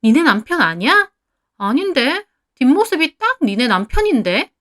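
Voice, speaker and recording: A woman's voice: sits high, big pitch swings, normal speed, fairly bright tone, voice pushed up. A woman reading a story aloud who voices a jealous, sarcastic female friend in her twenties or thirties, prying into someone's marriage. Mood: defensive.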